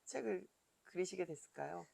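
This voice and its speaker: A woman's voice: fairly low pitch, animated, moderate pace, creaky, warm tone, dry recording. Curious woman radio host asking questions. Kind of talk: interviewing a guest.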